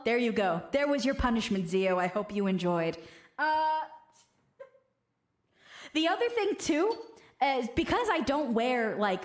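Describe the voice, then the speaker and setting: A woman's voice: fairly high pitch, roomy sound. A woman streamer talking and joking through a voice changer filter, sometimes singing goofy song lines. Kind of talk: casual stream chat.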